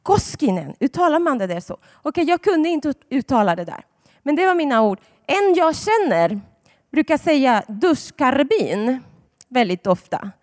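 A woman preaches to a congregation in a fairly high voice, her words ringing out with a long hall reverb. She tells personal stories in a chatty, warm-hearted way and leans into dramatic emphasis on key words. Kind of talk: sermon to a congregation.

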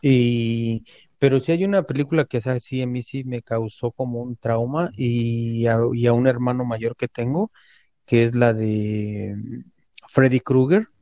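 Mexican guy telling a story casually, slangy, keeps repeating stuff for emphasis, mellow dark voice. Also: mid-range voice, fairly even intonation, a little slow, no room sound. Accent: Mexican Spanish.

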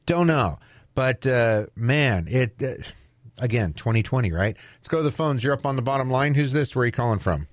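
A man co-hosting talk radio, thinking out loud with repeated words and hesitant restarts. His pitch moves in a lively way, and the voice sounds dry and close. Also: normal speed, no echo.

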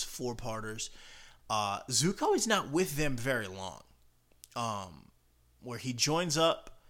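Bright-voiced man podcasting solo. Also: mid-range voice. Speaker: podcast host. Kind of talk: casual solo podcast commentary.

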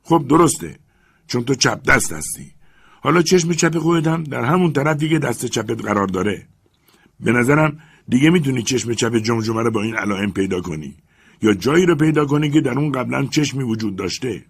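A male audiobook narrator plays an excitable, obsessed master barking orders with loud urgency. His voice sits above the narrator's own. It keeps a husky, gravelly texture throughout. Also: medium pitch, pitched above the performer's own voice. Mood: urgent, commanding. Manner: loud urgent shouted commands.

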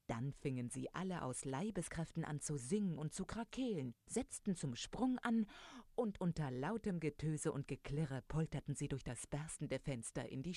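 A woman narrating a fairy tale with a low, dark, mellow voice in calm storytelling. The recording is close and dry with no room sound. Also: no echo.

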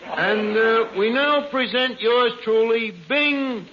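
A man's voice: very high-pitched, takes it slowly. A man playing a brash, wisecracking announcer in an old radio broadcast comedy, with slangy, ungrammatical talk. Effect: old radio broadcast recording. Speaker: show announcer. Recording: muffled old radio with loud hiss and audience.

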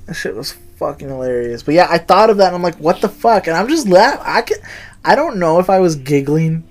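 This is a young man on a podcast, chatting casually and spinning a rambling tale packed with profanity and acted-out dialogue. He's animated, with a slightly high voice and a brisk pace.

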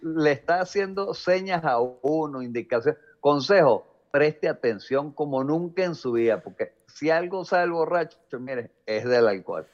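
A man's voice: a little high, lively intonation, moderate pace, dull audio. A man with a Venezuelan accent, co-hosting a casual chat, joking and acting out little impressions.

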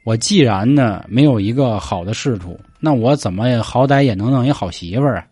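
A man's voice: medium pitch, expressive, a little fast, dark tone, slightly rough, dry recording. A man voicing a naive, simple-minded young male scholar who whines and swears when he is upset. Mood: whiny. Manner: whiny, coarse, easily upset.

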